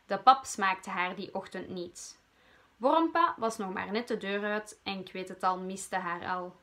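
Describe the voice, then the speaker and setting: A woman's voice: mid-range voice, a little slow, sharp tone. A Flemish woman teacher reading a storybook aloud to children.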